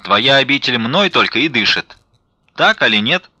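A man reading an audiobook, voicing a stern, domineering father who shouts his orders. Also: medium pitch, very animated, normal speed, breathy edge, no room sound, voice pushed up, exaggerated voice. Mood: furious. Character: angry stern wealthy father, middle-aged.

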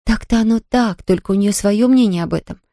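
A woman's voice: mid-range voice, brisk, mellow, no echo, studio quality, pitched above the performer's own voice, lightly acted. A woman reading an audiobook, voicing a flustered, kind-hearted young housemaid who frets and exclaims. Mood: apologetic. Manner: fussing, anxious, exclaiming.

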